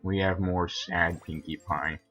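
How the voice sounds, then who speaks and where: Young male commentator, low, bright-edged, slightly husky voice, chatty and rambling. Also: fairly even intonation, a little slow, soft background music. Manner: rambling, filler-heavy, chatty. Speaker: episode commentator. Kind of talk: casual video commentary.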